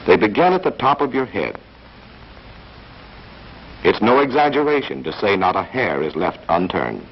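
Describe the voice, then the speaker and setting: A man narrates a 1940s training film in a dramatic, hard-boiled scripted style, as though addressing the character directly. His voice is fairly low and sing-song at a moderate pace, heard on a muffled, faintly hissy 1940s film soundtrack.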